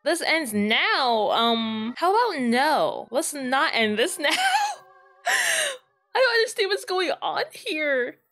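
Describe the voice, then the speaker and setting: Woman gamer, high lively voice, unhurried, faint music behind. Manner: chatty, laughs often, reacts aloud to the game. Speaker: gaming YouTuber. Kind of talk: horror game let's play.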